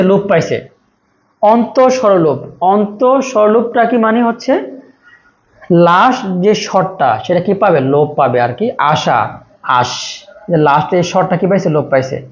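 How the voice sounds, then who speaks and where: A male teacher giving an exam-prep grammar lecture, repeating points and asking and answering his own questions. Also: sits high. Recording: echoey muffled room.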